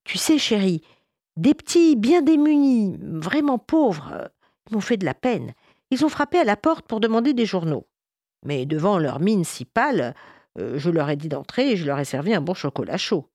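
Woman doing a gentle middle-aged housewife. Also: medium pitch, sing-song, normal speed, no echo, studio quality. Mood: reflective. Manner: soft, gently coaxing.

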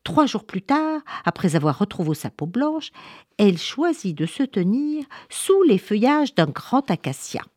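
A woman reading a children's story aloud in an expressive, lively way. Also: medium pitch, unhurried, dry recording, clean studio sound.

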